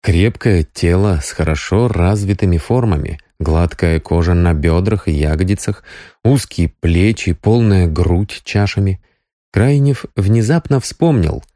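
Mellow male audiobook narrator. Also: low-pitched, unhurried, no echo, clean studio sound. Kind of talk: scripted narration.

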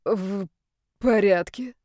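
Woman doing a dazed, shaken young woman, slow. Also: medium pitch, dark tone, dry recording, clean studio sound, lightly acted. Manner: slow, faint and halting.

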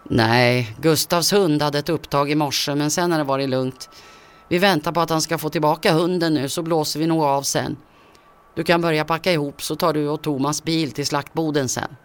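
A man voicing a calm middle-aged father who leads a hunt and talks in a brisk, matter-of-fact way in a spoken story. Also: a little high, smooth, lightly acted. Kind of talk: voiced dialogue in a told story.

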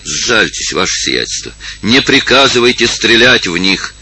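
A man's voice: fairly low pitch, big pitch swings, normal speed, bright, forceful tone, breathy edge, pitched above the performer's own voice, exaggerated voice. A man reading aloud and voicing a pale old male village elder who pleads and commands with a raised voice. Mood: desperate.

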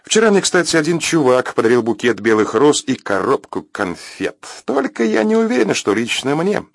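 Man putting on a sharp-tongued young radio hostess, chatty, teasing, lively and raised pitch, dry sound. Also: moderate pace, creaky, no echo.

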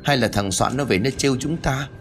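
A man's voice: mid-range voice, a little fast, faint music behind, natural voice. A man voicing an anxious elderly village wife who talks in a fretful, pleading way. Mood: worried.

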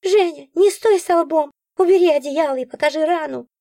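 A woman's voice: very high voice, moderate pace, warm tone, dry recording, clean studio sound, voice pushed up. A woman voicing a grumpy, bossy talking magic book who scolds and snaps. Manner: scolding, snappish.

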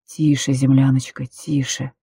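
A woman voicing a strong male prisoner who murmurs in a low, hushed, teasing way. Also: level tone, measured pace, breathy edge, no echo, clean studio sound, heavily acted.

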